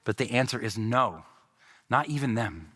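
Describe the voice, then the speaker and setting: A man preaching a sermon as pastor of his church, emphatic, with rising, lively phrasing and pauses. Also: medium pitch.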